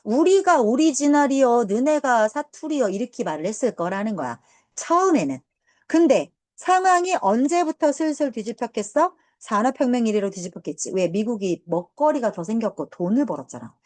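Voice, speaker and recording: A woman English teacher lecturing a high school class, drifting into chatty personal stories. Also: very animated, no room sound. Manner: chatty, banmal asides, quick tangents. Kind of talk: lecture mixed with casual storytelling.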